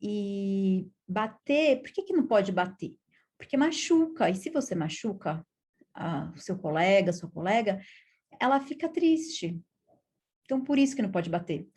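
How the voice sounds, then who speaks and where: Brazilian woman in her 30s, child psychologist, calm teaching tone, mid-pitched voice, checks in with the listener often. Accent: Brazilian Portuguese. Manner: calm, explanatory, frequent tag questions. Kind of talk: educational video lesson.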